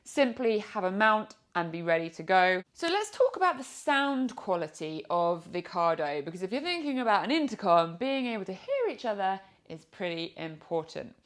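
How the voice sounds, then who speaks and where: With big pitch swings in her mid-range voice, a British-accented motorcycle vlogger chats through an informal product review in an explanatory way. She talks at normal speed with few pauses.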